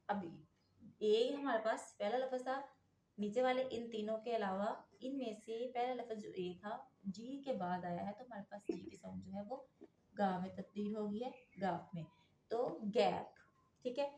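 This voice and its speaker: A fairly high, slightly mellow woman's voice belongs to a patient English phonics teacher giving a classroom-style lesson explanation. She often repeats checks like "okay?", and the echoey room has faint noise.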